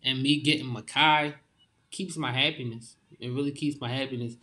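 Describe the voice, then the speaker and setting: A young man talking casually and openly, full of informal slang and halting restarts. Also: mid-range voice, steady tone, pushed and bright. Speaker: guest. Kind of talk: casual heartfelt conversation.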